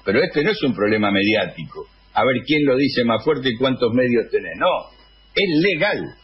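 A man with an Argentine accent hosts a radio program in a husky, mid-pitched voice. He gives his editorial deliberately, with pauses, and the sound is a little dull. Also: sing-song. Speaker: radio host.

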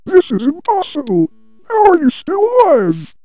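A woman's voice: high-pitched, sing-song, normal speed, dark tone, no room sound, low-quality recording. A woman voicing an arrogant, vengeful male villain overlord who makes pompous, theatrical threats in a fan audio drama. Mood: scornful. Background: background music.

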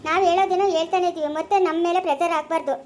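A woman as a brisk hospital nurse who gives firm, impatient orders, with a rural Chikkaballapura Kannada accent. The voice is very high and flat, and the orders come in a hurry in a homemade family skit. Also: slight background noise. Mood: urgent firm.

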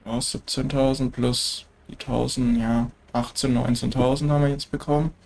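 A man with a German accent and a stuffy nose from a cold gives casual commentary on his farming game as a let's play gamer. His medium-pitched voice is gravelly at normal speed, with a little hiss or hum, and he's relaxed and chatty with lots of filler tags.

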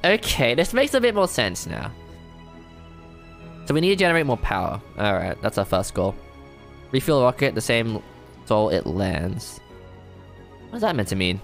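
A man giving casual let's-play commentary, thinking aloud, excitable and self-deprecating as he works things out. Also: lowish voice, moderate pace, creaky, pauses often. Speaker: gamer playing a strategy game. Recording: faint game music behind.

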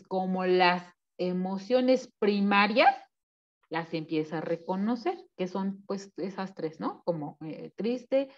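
A woman giving an online seminar talk, explaining slowly and putting questions to her audience. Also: lowish voice, dull audio. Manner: slow, explanatory, asks the audience questions and acts out baby and mother voices. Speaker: seminar speaker.

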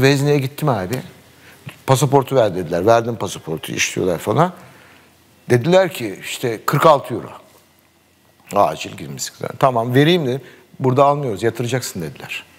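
A middle-aged man tells a long anecdote in a relaxed conversation. His voice swings widely in pitch as he quotes the people in the story, and he breaks into laughter often. He speaks at an ordinary middle pitch. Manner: animated anecdote-telling, quoting dialogue and laughing often. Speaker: sports commentator guest. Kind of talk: casual storytelling chat.

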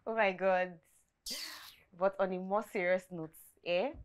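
An actress playing a playful, teasing best friend with a Nigerian accent. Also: female voice, on the low side, steady tone, unhurried, clear, resonant tone, lightly acted. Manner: playful, cheeky.

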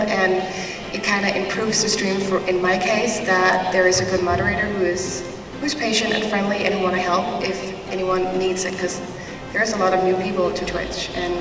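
Female streamer from Denmark, friendly panel speaker, distant and roomy with hall reverb. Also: mid-range voice. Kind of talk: panel talk. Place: large convention hall stage. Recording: echoey hall from far off.

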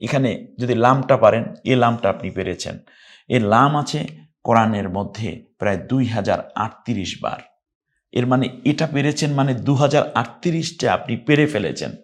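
A man teaching Quran recitation who spells out syllables letter by letter and breaks into long, drawn-out chanted words between his explanations. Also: mid-range voice, lively intonation. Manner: spells syllables letter by letter and repeats them patiently. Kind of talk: explaining Arabic letters and pronunciation rules in a recorded lesson.

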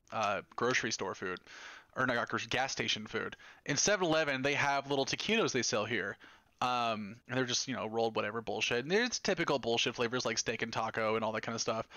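Male streamer, excitable and foul-mouthed, bright tone, dry close mic. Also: mid-range voice, no echo. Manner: profane, excitable, talks to chat. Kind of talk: casual live gameplay chat.

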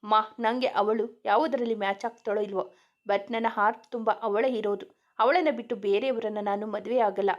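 A woman's voice: medium pitch, fairly even intonation, moderate pace, muffled recording, natural voice. A woman voicing a young man who earnestly pleads for the woman he loves. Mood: pleading.

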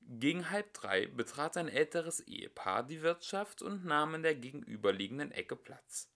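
A man reads a children's storybook aloud at home as an amateur. His voice is bright and forceful, and his reading is plain and unpolished, with a slip here and there. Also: on the high side, sing-song, normal speed. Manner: unpolished reading with occasional slips and fillers. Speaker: amateur audiobook reader. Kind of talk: storybook narration.

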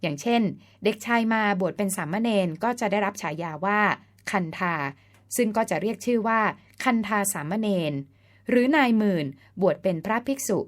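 A woman's voice: medium pitch, normal speed. A woman hosting a folk-tale channel, narrating a scripted story in a polite, explanatory way and sometimes spelling out words letter by letter. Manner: polite, explanatory, ends phrases with the particle ka.

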